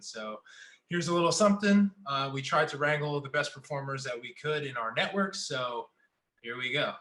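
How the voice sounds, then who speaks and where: Relaxed male co-host in a roomy space. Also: medium pitch. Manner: relaxed, trails off quietly. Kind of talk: casual hosting. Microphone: video call.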